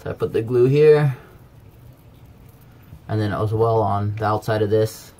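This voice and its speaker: This DIY video presenter has a lowish, mellow voice and takes his time as he explains a hands-on task step by step, casual and plain-spoken. He moves between a backyard tub and a workshop, and the handheld camera picks up background noise.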